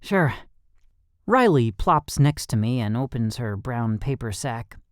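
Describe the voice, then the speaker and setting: An audiobook narrator reading a first-person story in a steady, measured way on a close studio mic. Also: medium pitch, dry recording.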